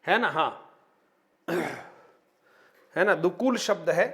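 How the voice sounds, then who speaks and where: A man with a somewhat high, gravelly, slightly bright voice stretches out his words expressively as he teaches an exam-oriented Hindi grammar lesson. He lists synonyms rapidly, pausing on new words and their spellings, and talks to viewers as friends with lots of tag questions.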